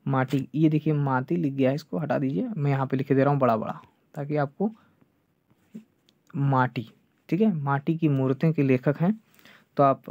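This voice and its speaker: Male teacher, online exam-prep lecture, keeps checking understanding, repeats key names slowly, middle pitch, muffled dry recording. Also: warm tone, dry recording. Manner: repeats "ठीक है" and "clear है" often, drills names slowly. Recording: dull lo-fi dry sound.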